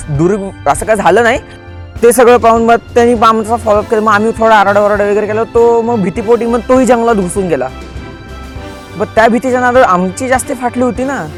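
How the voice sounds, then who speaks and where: A man from the Pune area, a podcast guest, retelling a scary experience vividly and acting out the dialogue. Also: high voice. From Pune area, India. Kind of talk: storytelling in an interview.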